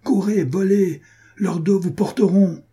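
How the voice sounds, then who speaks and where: A man voicing a vengeful, imperious noblewoman in an audiobook, giving sharp, commanding orders. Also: medium pitch, animated, normal speed, breathy edge. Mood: furious.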